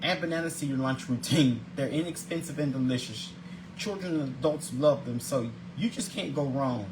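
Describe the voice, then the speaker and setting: A man in his forties hosts a casual vlog, speaking at an ordinary pitch. He trips over his words, repeating and restarting phrases as he reads out his segments. Clear background noise sits under his voice. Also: moderate pace. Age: 40s. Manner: repeats and restarts words often, stumbles while reading; earnest, religious greetings. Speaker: host of a daily video show. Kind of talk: casual scripted vlog, reading segments aloud.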